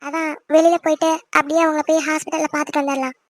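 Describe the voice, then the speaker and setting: A woman's voice: high voice, level tone, racing, no echo, lightly acted. A woman voicing a teasing, chirpy big sister. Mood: caring. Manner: teasing and bossy. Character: young woman, teasing quick-tongued older sister. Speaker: daughter in a family cartoon. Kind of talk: cartoon voice acting.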